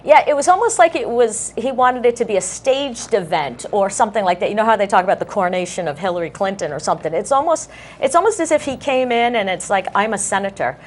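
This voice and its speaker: A woman co-hosting a casual political talk show, animated and quick to laugh. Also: medium pitch, a little hiss or hum. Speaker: co-host.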